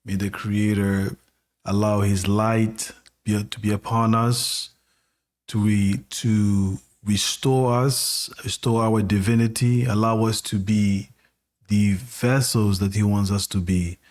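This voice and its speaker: A man co-hosting a spiritual talk show, offering a closing prayer in a measured, solemn cadence. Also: on the low side, fairly even intonation, a little mellow. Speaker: co-host.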